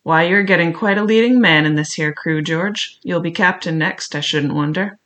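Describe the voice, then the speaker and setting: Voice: mid-range voice, normal speed, pushed and bright, natural voice. A reader voicing a cunning old male pirate cook who mocks his crew in a sly, silky way. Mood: sly scornful. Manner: wheedling, mocking, sly. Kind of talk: audiobook character reading.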